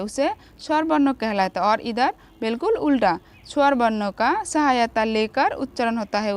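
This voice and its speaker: Woman teacher, high voice, talks slow, keeps asking the kids then answering herself. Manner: repeats questions and answers them herself, asks "ठीक है?". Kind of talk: grammar lesson for children.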